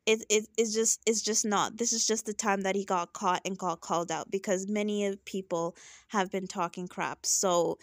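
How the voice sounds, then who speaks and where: A woman's voice: medium pitch, fairly even intonation, moderate pace, no room sound, studio quality. A young woman giving a casual, opinionated recap of a reality show, often tossing in "right?" as she talks. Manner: chatty, opinionated, frequent "right?" asides.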